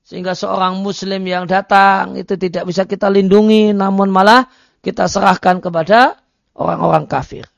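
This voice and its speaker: A man delivers a religious study lecture, reading Arabic phrases and explaining them with many hesitation fillers. His voice sits a little high and has a gravelly edge. The recording is dry and dull, with a lo-fi sound. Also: steady tone, moderate pace, no echo. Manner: reads Arabic text then explains it, with frequent hesitation fillers. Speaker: Islamic religious teacher.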